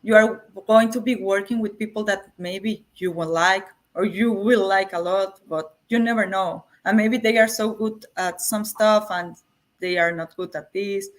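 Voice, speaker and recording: A woman's voice: medium pitch, steady tone, a little slow. Woman with a Mexican accent. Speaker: interview guest, coding school graduate. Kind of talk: casual interview answers.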